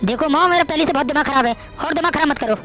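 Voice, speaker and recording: A meek young brother. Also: female voice, sits high, racing, a bit bright, faint music behind. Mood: angry. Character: young man, poor brother, touchy but meek. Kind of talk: Hindi family drama acting.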